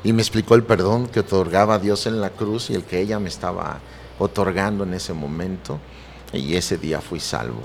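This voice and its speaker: A man's voice: low-pitched, moderate pace, creaky, slight background noise. A middle-aged man, a pastor earnestly telling his personal testimony and quoting scripture. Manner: earnest, preacherly, quotes scripture.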